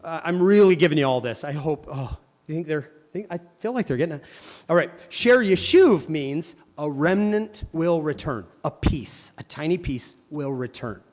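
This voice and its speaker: A man giving a lively, joking scripture talk to a congregation, often quizzing the audience. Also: on the high side, normal speed. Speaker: church speaker. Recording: long hall reverb.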